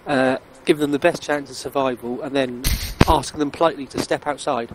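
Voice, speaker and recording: Guy, dry teasing, casual chatting, medium pitch, noisy line with clicks. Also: fairly even intonation, fairly quick. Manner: dryly teasing, questioning. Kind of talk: casual banter.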